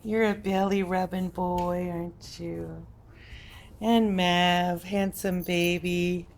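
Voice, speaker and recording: A woman filming her puppies at home, chatting casually to the camera and slipping into high, sing-song baby talk with the dogs. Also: flat delivery, slow, gravelly. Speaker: dog breeder. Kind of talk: casual vlog talking to puppies. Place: home puppy room, indoors.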